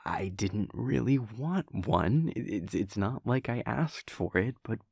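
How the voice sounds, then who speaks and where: In an intimate roleplay audio, a man plays a bashful, affectionate vampire prince boyfriend, his breathy, husky voice sitting on the low side. He sounds sheepish and flustered, halting and softly teasing, with animated, heavily acted delivery. The studio-quality recording has no echo.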